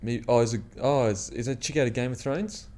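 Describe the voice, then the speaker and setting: A man's voice: mid-range voice, a little fast, warm tone. A man with an Australian accent hosting a casual chat, matey and slangy, often saying bro and man. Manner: matey, slangy, peppered with 'bro' and 'man'. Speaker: podcast host.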